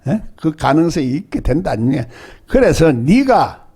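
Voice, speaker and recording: A man's voice: a little high, big pitch swings, normal speed, darkish tone, breathy edge. An older male pastor with a Gyeongsang Korean accent, preaching a sermon and often asking the congregation rhetorical questions.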